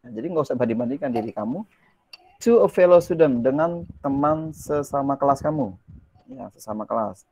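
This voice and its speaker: A man teaching a casual language lesson. He reads English lines slowly, explains them in quick, chatty Indonesian, and asks his listeners rhetorical questions. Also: medium pitch, expressive, warm tone, no room sound, rough recording.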